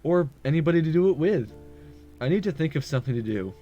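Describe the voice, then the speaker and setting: A man reads a visual novel aloud, lightly acted, as a lonely, homesick university student narrating in an introspective, polite, subdued first person with a wistful mood. His voice is a little high, animated, quick and warm. The sound is lo-fi, with music in the background.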